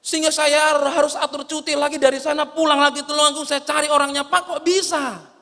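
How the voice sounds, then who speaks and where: A man preaching a sermon as a pastor, swinging from loud exclamations to soft, low asides. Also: monotone, fast. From Indonesia. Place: church hall. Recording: church hall reverb.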